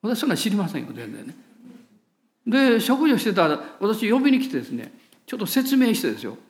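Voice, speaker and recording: A male pastor with a Kansai lilt preaches and tells stories from the pulpit. His pitch swings widely as he animates the tale, and he laughs at himself along the way. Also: very animated, brisk. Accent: Kansai Japanese. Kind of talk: sermon with storytelling.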